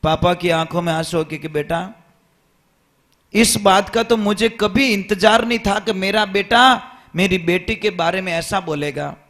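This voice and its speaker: High-voiced preacher with a Rajasthani accent. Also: male voice, measured pace, a bit bright. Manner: dramatic storyteller, acting out dialogue. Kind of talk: Hindi devotional sermon with storytelling.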